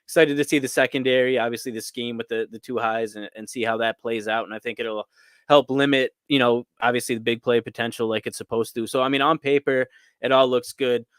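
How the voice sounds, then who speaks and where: A man's voice: mid-range voice, steady tone, a little fast, fairly bright tone, clear, resonant tone, no room sound, studio quality. A man from Scranton, Pennsylvania, co-hosting a casual sports podcast in an easygoing, upbeat way. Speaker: podcast co-host.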